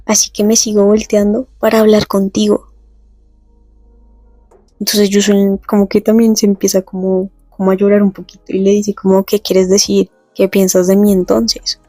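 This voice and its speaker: A woman's voice: medium pitch, monotone, mellow, no echo, faint music behind. Dry-voiced woman recapping a comic. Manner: chatty, reads lines slowly. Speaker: narrator retelling a comic. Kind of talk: casual comic recap with read-out dialogue.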